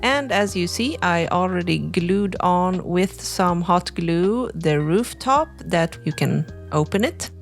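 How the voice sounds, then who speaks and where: With faint music behind her, the crafting channel host, a young woman from Sweden, walks through a craft tutorial casually and without hurry. She sprinkles in plenty of "like" and "you know," and her voice is fairly low with a gravelly texture.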